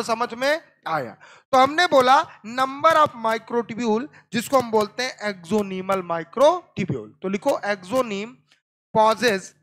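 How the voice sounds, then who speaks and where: A man's voice: very high-pitched, a bit bright. A male biology teacher lecturing a classroom, repeating terms and asking students again and again whether they understood. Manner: keeps quizzing the class with repeated questions; calls students "beta".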